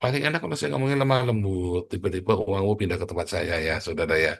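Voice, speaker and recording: A man's voice: low voice, fast talker, creaky. A middle-aged man preaching a sermon in a blunt, joking, provocative manner, addressing the congregation as brothers and sisters. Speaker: pastor.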